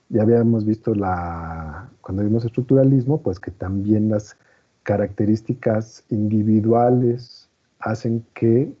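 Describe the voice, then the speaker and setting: Heard on a muffled, lo-fi recording, a male instructor walks his class through material with patience, regularly confirming comprehension with "¿no?" and "¿vale?". His voice sits fairly low, warm in tone and slightly rough.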